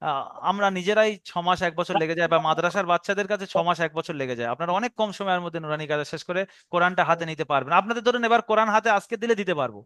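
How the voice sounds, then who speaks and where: A man's voice: sits high, very fast, a bit bright, clean tone, dry recording, studio quality. A man teaching a Quran reading class over an online call, drilling pronunciation by repeating words.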